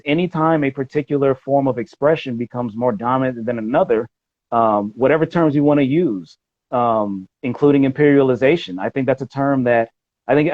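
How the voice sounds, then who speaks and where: A man's voice: medium pitch, no echo. Guy arguing his side in a chat, kinda dull dry sound, goes on and on. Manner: discursive, argumentative. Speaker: podcast guest. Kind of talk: casual conversation.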